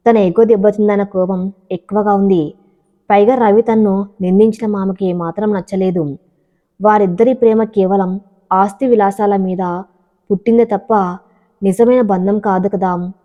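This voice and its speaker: A woman's voice: mid-range voice, fairly even intonation, moderate pace. A woman reading a Telugu family drama aloud as a storyteller, voicing each character's quoted lines in her own voice. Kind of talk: scripted narration of a family drama. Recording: dull lo-fi audio with a long echo.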